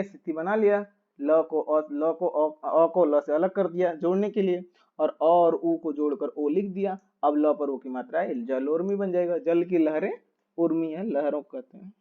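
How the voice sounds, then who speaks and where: A man's voice: on the high side, phone-quality sound. A man teaching a grammar lesson, patiently repeating each step and asking rhetorical questions as he writes on a board.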